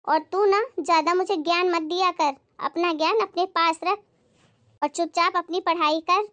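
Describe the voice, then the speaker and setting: A woman playing a sharp-tongued, complaining middle-aged mother-in-law in a comedy skit. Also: very high voice, steady tone, moderate pace, dry recording, muffled recording. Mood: scolding.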